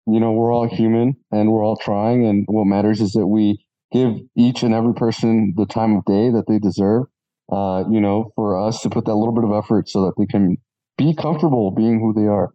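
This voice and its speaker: A man co-hosting a podcast in casual chat, earnest and measured. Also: fairly low pitch, fairly even intonation, no room sound. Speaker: podcast co-host. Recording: dull lo-fi sound.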